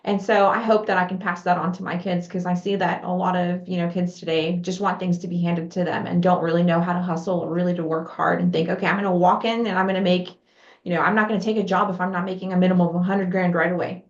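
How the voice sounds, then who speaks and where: A woman's voice: fairly low pitch, little pitch movement, fast. A middle-aged woman, born in Lebanon and raised in Texas, telling stories as a podcast guest in a friendly, open way. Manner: friendly and open, storytelling with fillers. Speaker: guest, business founder. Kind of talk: casual interview chat. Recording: roomy, dull lo-fi remote audio.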